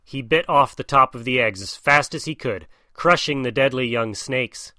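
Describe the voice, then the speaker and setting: A man narrating a storybook in an expressive, animated way. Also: mid-range voice, moderate pace, no echo, studio quality. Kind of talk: storybook reading.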